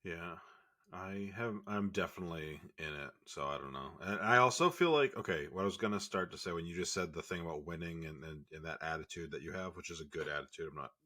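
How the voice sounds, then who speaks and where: Low, bright-voiced man telling stories. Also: brisk. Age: 30s. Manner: rambling, self-interrupting. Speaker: podcast co-host. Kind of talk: casual storytelling chat.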